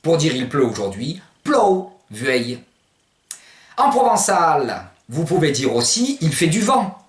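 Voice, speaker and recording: A man's voice: a little high, very animated, moderate pace. A man giving a recorded language lesson, explaining words patiently and spelling them out letter by letter. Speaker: language teacher. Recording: roomy, distant from the mic.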